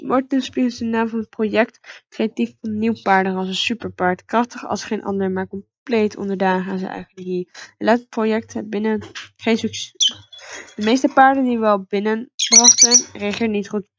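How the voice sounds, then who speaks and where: A woman's voice: mid-range voice, steady tone, normal speed, no room sound, muffled recording, close to an everyday voice. A woman voicing a scheming male villain boss in a horse-riding game, with a mocking, gloating manner.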